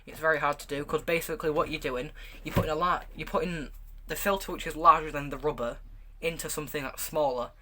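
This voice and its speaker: A man's voice: on the high side, steady tone, fast, hardly any pauses, background noise. A man giving a casual, hands-on product review, speaking in a stop-start, hesitant way with repeated words. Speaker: gas mask reviewer. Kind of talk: casual product review, showing items to camera.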